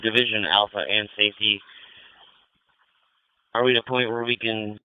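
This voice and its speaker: A man's voice: lowish voice, flat delivery, normal speed, smooth, no room sound. A man acting as fire incident commander, giving clipped, procedural orders over a two-way radio. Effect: two-way radio transmission. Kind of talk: fireground radio traffic. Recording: tinny narrow-band radio audio.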